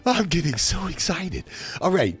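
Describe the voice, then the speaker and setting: A man's voice: on the high side, big pitch swings, normal speed. A man hosting a comic radio call-in show, boisterous and wisecracking. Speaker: radio host.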